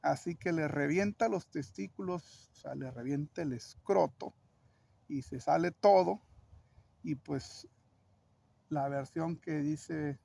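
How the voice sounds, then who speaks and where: Gravelly man telling a legend. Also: on the high side, slow, warm tone. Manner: playful, dramatic, joking asides. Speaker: storyteller. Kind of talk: telling a local legend aloud.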